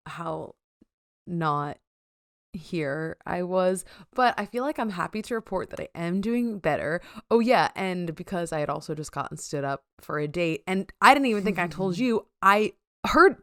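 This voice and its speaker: A woman's voice: lowish voice, fairly bright tone, dry recording, clean studio sound. A young woman co-hosting a podcast, chatting casually and rambling with lots of fillers and giggles. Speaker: podcast co-host. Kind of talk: casual chat.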